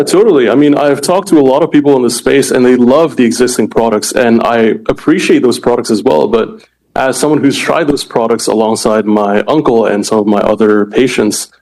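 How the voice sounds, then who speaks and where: A man's voice: medium pitch, moderate pace, vocal fry, darkish tone, poor audio. Man in his twenties from Indonesia, startup founder, earnest, explanatory, interview guest. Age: 20s. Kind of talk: interview answers.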